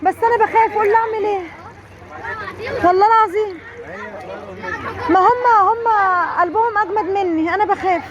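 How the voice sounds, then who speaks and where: Very high-voiced Egyptian mother. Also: brisk, pauses often, highs cut off, crowd noise. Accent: Egyptian Arabic. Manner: doting, fussing and cheering kids on. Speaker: mother filming her daughters. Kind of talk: casual family vlog. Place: outdoor water park. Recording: noisy crowded outdoor park.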